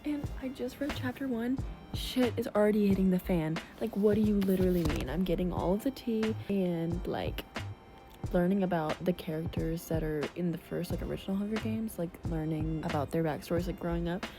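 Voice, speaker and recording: A young woman vlogging casually about her reading, chatty and excitable, saying "like" a lot. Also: on the low side, brisk. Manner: chatty and excitable, heavy use of "like". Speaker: book vlogger. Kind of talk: casual vlog chat. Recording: background music under the voice.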